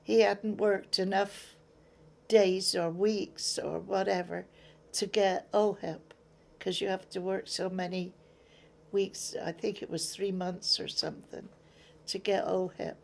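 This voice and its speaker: An older Englishwoman with an English accent recalls her memories in an interview, speaking plainly and acting out old conversations. Her mid-range voice is gravelly, barely moves in pitch, and unfolds slowly.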